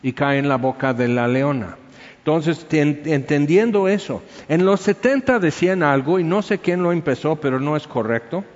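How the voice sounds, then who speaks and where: A man preaching a sermon, telling stories in a lively way and acting out little scenes as he goes. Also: a little high, moderate pace. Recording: echoey hall, dull sound.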